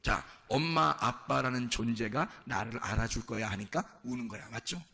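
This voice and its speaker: A male pastor preaching a sermon and leading a shouted healing prayer with fervent intensity. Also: mid-range voice, normal speed, vocal fry. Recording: loud music behind the voice. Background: loud church music.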